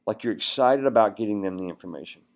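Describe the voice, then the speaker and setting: A man's voice: fairly low pitch, animated, fast talker, a little mellow. A man giving a sales training presentation in a conversational way, with many fillers and restarts, now and then acting out upbeat phone greetings.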